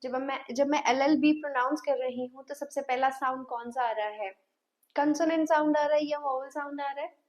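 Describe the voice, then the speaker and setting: A woman's voice: sits high, fairly even intonation, a little fast. A woman teaching an English grammar lesson, asking her class questions and repeating sounds patiently. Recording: dull lo-fi sound.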